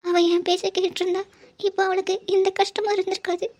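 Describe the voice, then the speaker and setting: A woman's voice: very high-pitched, little pitch movement, a little mellow. A woman voicing a heartbroken mother who cries and stammers over her daughter in a cartoon drama. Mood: grieving. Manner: halting, stammering speech. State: crying. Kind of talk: cartoon voice acting.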